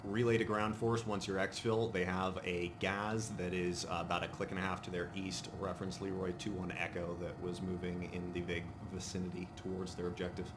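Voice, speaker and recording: Man, deep monotone, procedural military radio commands, gaming, loud background noise. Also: fairly quick, few pauses. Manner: procedural, matter-of-fact. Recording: loud background noise over game audio.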